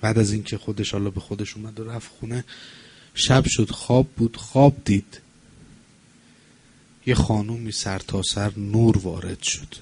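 A man's voice: on the low side, fairly even intonation, long pauses, darkish tone, slight background noise. A male preacher telling a religious story in sermon style, building into impassioned mourning recitation.

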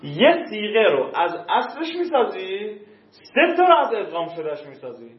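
A man's voice: sits high, wildly swooping pitch. A male teacher giving a classroom grammar lesson, drilling verb forms and quizzing his students. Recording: dull, roomy classroom recording.

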